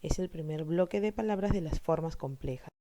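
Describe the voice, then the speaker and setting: A woman teacher explaining a grammar lesson slowly and deliberately, asking her pupils questions and then answering them herself. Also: low voice, dark tone.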